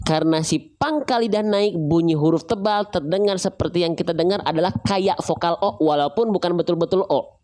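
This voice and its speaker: A woman teaching Quran reading to viewers. She poses questions to herself and answers them, drawing out syllables slowly to demonstrate each sound. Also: lowish voice. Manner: slow, drawn-out sound demonstrations; casual, relaxed phrasing. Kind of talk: tajwid lesson to viewers.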